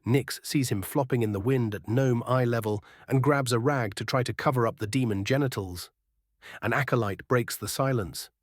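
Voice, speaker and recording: A man's voice: medium pitch, normal speed, dry recording, clean studio sound. A man reading scripted fantasy narration as a storyteller.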